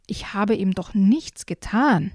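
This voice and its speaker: A woman's voice: medium pitch, expressive, slow, darkish tone, no room sound, studio quality. A woman voicing a friendly male raccoon in a children's storybook reading, with a raised, lighter voice.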